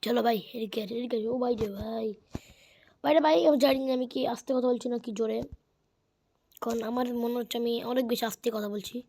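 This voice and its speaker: A woman, giving excitable casual commentary while playing a video game. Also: on the high side, quick pace, vocal fry, slight background noise. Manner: excitable, keeps saying "bhai". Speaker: gamer streamer.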